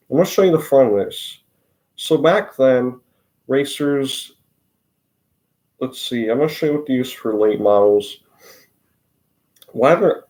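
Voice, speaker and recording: A man's voice: mid-range voice, a little mellow. A teenage boy with an Upper Midwest American accent hosts a casual vlog about short-track racing. He rambles loosely, stops himself mid-sentence, and leans on "like" and "um". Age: teens. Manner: rambling, loose, many filler words, self-interrupting. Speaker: racing channel host.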